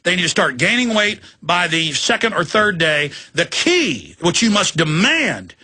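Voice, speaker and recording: A male talk radio host speaks with a high, tense, bright voice. He is intense and insistent, piling up repeated words as he presses a caller with urgent advice. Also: very animated, a little slow.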